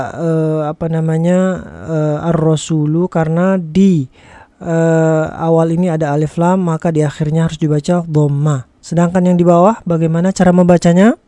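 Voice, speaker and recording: Indonesian reading tutor, mellow timbre, dry sound; deliberate, repetitive lesson delivery with drawn-out, clearly enunciated examples. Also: mid-range voice, no echo. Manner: frequent check-in tags after statements. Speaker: Quran reading teacher. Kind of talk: tutorial lesson addressed to viewers.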